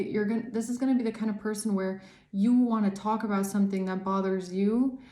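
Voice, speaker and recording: Talking to the camera in a relaxed tarot reading, this psychic channeller rambles earnestly and repeats words to stress them. She has a mid-range, warm voice, and the recording carries a roomy echo.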